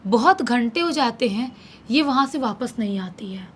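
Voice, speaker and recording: A woman storyteller recounts a horror tale in a dramatic way, dropping in English words. Her voice sits a little high, with faint noise behind it. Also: lively intonation, normal speed.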